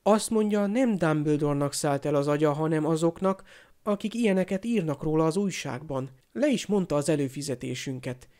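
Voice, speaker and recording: A man's voice: a little high, a little mellow, lightly acted. Man voicing earnest teen boy, matter-of-fact, a bit self-important.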